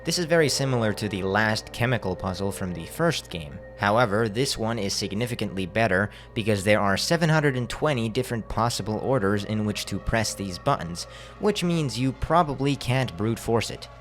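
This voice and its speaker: A man's voice: fairly low pitch, expressive, moderate pace, soft background music. A man narrating a video game critique as a voice-over. He speaks casually and bluntly and swears freely.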